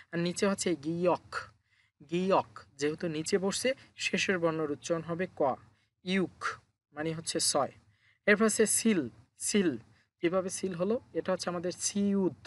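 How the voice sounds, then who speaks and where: A man with a Bangladeshi Bengali accent teaching a language lesson step by step. He asks his own questions, answers them, and repeats each sound. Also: fairly high pitch.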